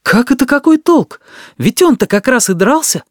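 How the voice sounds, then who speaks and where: Guy doing a schoolgirl, high and indignant, dry close audiobook sound. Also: very animated, normal speed, dark tone, dry recording. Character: timid bold schoolgirl, quick to defend.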